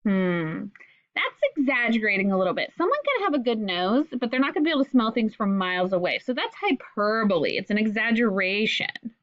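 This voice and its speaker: A woman teaching figurative language to children, asking questions and sounding words out slowly in an encouraging way. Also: fairly high pitch, very animated. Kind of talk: explaining lesson to children. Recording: dull lo-fi recording.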